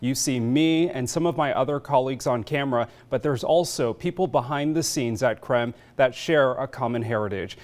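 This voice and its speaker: A man anchoring the news, reading a scripted segment in a measured, earnest way. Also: medium pitch. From United States.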